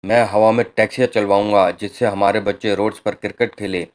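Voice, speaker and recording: A man's voice: on the low side, level tone, a little fast, lightly acted. A man reading the lines of a boastful, crooked cartoon villain who makes grand empty promises, in his own plain storytelling voice.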